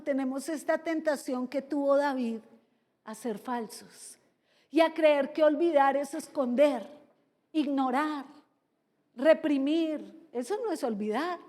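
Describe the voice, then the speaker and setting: A woman pastor preaching a sermon in a lively, theatrical way, acting out the people she talks about. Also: sits high. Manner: lively, theatrical, acts out characters. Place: large church hall. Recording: long reverb of a big church hall.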